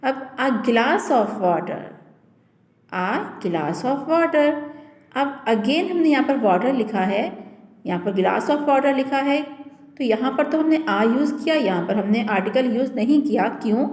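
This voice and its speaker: A woman teaching an English grammar lesson to a school class, explaining step by step and repeating example words slowly. She asks questions and answers them herself. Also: high-pitched, expressive, a little mellow, echoey room.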